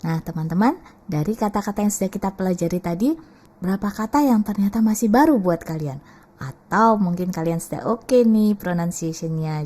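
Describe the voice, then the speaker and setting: A woman's voice: on the low side, mellow. A woman teaching English pronunciation, patiently repeating each word several times. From Indonesia. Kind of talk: explaining lesson, modeling pronunciations.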